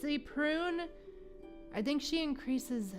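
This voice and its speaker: Her voice is high and lively in intonation, though she speaks slowly, as she streams a video game and talks casually with viewers. The woman hosting sometimes swears, and game music plays underneath.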